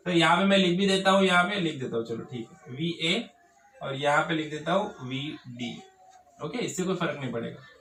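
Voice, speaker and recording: A man teaching engineering at a whiteboard, putting questions to his students and answering them himself. His voice sits high and rings bright. The room around him is echoey. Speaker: engineering tutor. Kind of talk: whiteboard lecture. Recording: echoey classroom.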